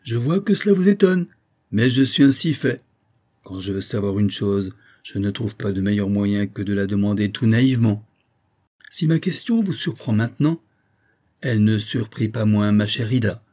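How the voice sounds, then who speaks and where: A man's voice: on the low side, animated, moderate pace, warm tone. A man voicing a frank, fatherly older baron who speaks earnestly and cordially. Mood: warm.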